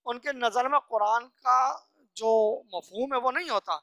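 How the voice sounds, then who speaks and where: An earnest teacher working through a scripture lesson verse by verse, reciting each phrase slowly before unpacking it. The voice sits at an ordinary middle pitch and sounds close and dry, with no room around it. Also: bright, forceful tone, no room sound. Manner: earnest, instructive, asks and answers own questions. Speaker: religious teacher.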